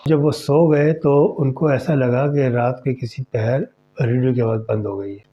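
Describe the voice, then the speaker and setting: A man hosting a horror podcast, retelling a story in a conversational, animated way. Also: mid-range voice, a little slow, muffled recording.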